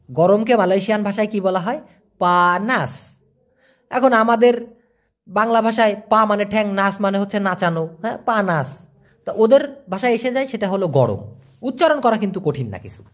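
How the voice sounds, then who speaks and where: A man from Bangladesh, giving a casual vocabulary lesson and slowly repeating each word between chatty asides. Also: high voice. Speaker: language teacher.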